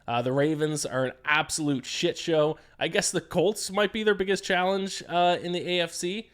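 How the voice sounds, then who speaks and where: A man's voice: on the high side, steady tone, moderate pace, fairly bright tone. A tired young man hosting a casual solo sports betting podcast. He rambles and gets distracted, with frequent "uh" and "um" fillers. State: tired, yawning.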